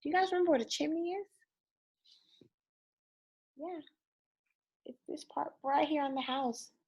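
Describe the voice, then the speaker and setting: Her voice high but darkish in tone, a woman dramatically reads a storybook aloud for kids. She addresses them directly and stops to ask them questions along the way.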